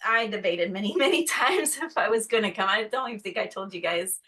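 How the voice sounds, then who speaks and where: Bright, chatty woman guest. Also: mid-range voice, brisk, low-quality recording. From North Carolina, USA. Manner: chatty, acts out quotes in a bright put-on voice. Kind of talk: casual conversation.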